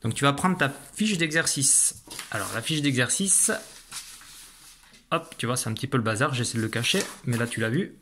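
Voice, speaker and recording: A man teaching young children a phonics lesson, saying each sound slowly and carefully. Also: mid-range voice, animated, sharp tone, a little hiss or hum. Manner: slow, careful, stretched-out pronunciation of sounds. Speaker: primary school teacher.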